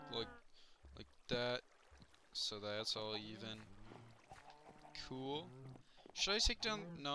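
Excitable young man narrating his gameplay. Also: lowish voice, noisy background. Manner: chatty, excitable, yelps when things go wrong. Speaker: gaming YouTuber. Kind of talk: Minecraft let's play commentary.

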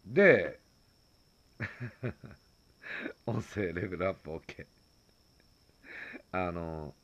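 A man's voice: deep voice, highs cut off. A man with a Kansai accent chatting loosely on a late-night phone live stream, greeting viewers and laughing often. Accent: Kansai Japanese.

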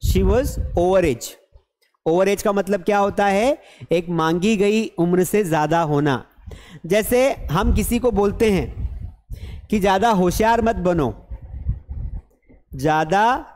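A man's voice: high voice, slow pace, long pauses. A young man teaching an online English lesson in a classroom with a blackboard, mixing Hindi and English and joking with viewers over a headset mic. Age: young adult. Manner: animated, mixes Hindi and English, jokes with viewers. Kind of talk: live online lesson, chatty.

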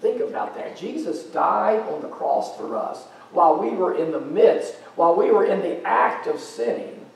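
The sermon comes from a middle-aged American pastor whose high, gravelly voice has a darkish tone. Recorded from far off in a very echoey church, he paces the sanctuary stage, gesturing and speaking in a relaxed, folksy way dotted with fillers.

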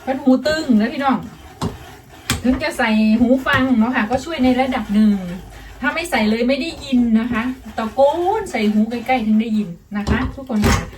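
A woman's voice: a little high, normal speed, far from the mic, a crowd in the background. A woman chatting casually to her viewers as she cooks at home, addressing them as family. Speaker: vlogger. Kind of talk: casual chat while cooking. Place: home kitchen.

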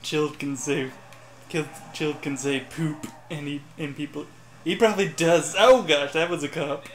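Casting: higher-pitched man, jokey gamer commentary, echoey room with faint hiss. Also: normal speed. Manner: joking, self-mocking. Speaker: gameplay commentator. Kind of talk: casual gaming chat.

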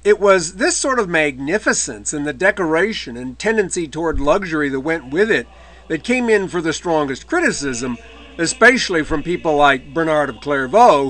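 A man's voice: a little high, very animated, normal speed, fairly bright tone. A man giving a recorded history lecture, explaining in a conversational way with dry asides and occasional mid-word self-corrections.

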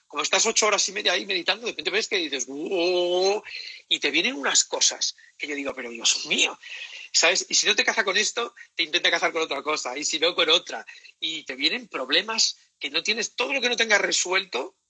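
A man's voice: high-pitched, fast, breathy edge, rough recording. A man, a guest comedian chatting casually on a live stream, telling stories animatedly and acting out the voices he quotes. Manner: animated storyteller, acts out quoted voices and laughs often.

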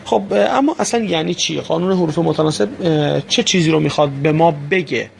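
A man's voice: on the high side, vocal fry, slight background noise. A man teaching a language lesson, explaining patiently step by step with frequent hesitations.

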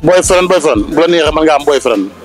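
A man with a fairly high, swooping voice answers street questions outdoors in an animated, joking manner. Music plays under the street sound. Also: fast talker. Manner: animated, jokey. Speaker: passer-by interviewee. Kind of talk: casual street interview.

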